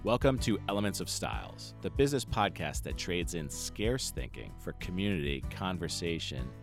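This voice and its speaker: Man, podcast host, very deep voice, measured delivery, faint background music. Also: sing-song, gravelly. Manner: measured, scripted intro. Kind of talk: podcast interview hosting.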